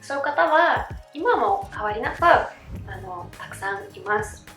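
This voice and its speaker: A woman with a Russian accent hosts a casual chat, her voice a little high, expressive, unhurried and slightly bright. She's chatty, laughs easily and uses lots of fillers. The recording has a roomy echo and faint music in the background.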